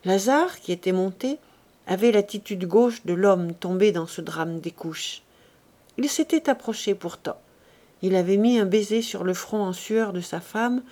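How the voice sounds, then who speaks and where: A woman with a mid-range voice reads a classic novel aloud as an audiobook, in a measured and expressive way.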